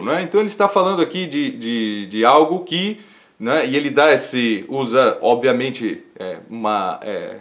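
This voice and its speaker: A male teacher speaking in a livestream lecture, his voice sitting at an ordinary middle pitch. He explains things at an unhurried pace and keeps checking in with "isn't it?" tags and plenty of fillers. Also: fairly bright tone. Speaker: teacher of classical literature.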